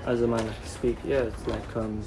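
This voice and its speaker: A man's voice: mid-range voice, little pitch movement, brisk, noisy background. A man interviewing in casual conversation, asking questions with many fillers. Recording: clear crowd chatter behind.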